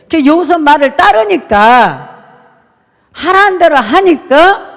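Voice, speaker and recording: A woman pastor preaching a sermon, firing rhetorical questions at the congregation and swinging between shouting and a near-murmur. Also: sits high. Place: church sanctuary. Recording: echoey church hall.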